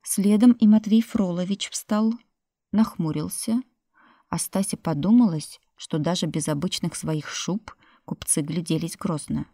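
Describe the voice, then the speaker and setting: A woman reads a story aloud in a slow, unhurried voice, somewhat low. The recording is dry and close to the mic. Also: dark tone, dry recording. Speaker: narrator. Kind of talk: audiobook narration.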